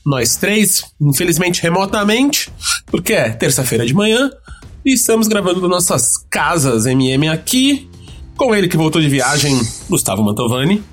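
Brazilian man, podcast host, casual chat, fairly high voice, faint music underneath. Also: sing-song, moderate pace. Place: remote recording from home.

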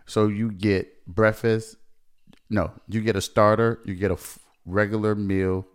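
A man's voice: lowish voice, level tone, measured pace, smooth. A young man hosting a casual podcast chat, laid-back and chatty, laughing often as he tells stories. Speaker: podcast host.

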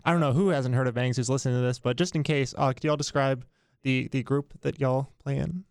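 Young male interviewer, fast, gravelly, dry close sound. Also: mid-range voice, steady tone, a little mellow, no echo. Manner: friendly, stumbling restarts. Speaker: interviewer host. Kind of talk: casual interview.

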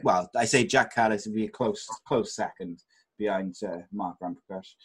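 A man's voice: fairly low pitch, normal speed, husky. A man from Wales hosting a podcast in casual, teasing, matey sports chat. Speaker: podcast host.

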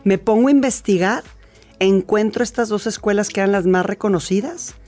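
Mexican woman guest, chatty storyteller, mid pitch, faint music bed. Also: normal speed, a little mellow. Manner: chatty and storytelling, with frequent restarts. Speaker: laughter therapy expert guest. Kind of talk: conversational interview.

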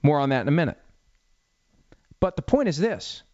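A man's voice: a little high, big pitch swings, moderate pace, a little mellow, no room sound. Wry, talkative middle-aged man on a dull, dry mic. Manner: conversational, wry asides, explains legal points plainly. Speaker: sports talk show host. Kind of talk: casual talk-show commentary.

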